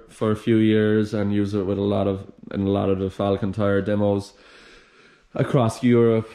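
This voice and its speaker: A young man giving a relaxed, chatty vlog tour of his workshop, filmed on a handheld camera at arm's length. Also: on the low side. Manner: relaxed, chatty, lots of fillers. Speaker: vlogger. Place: large indoor workshop garage.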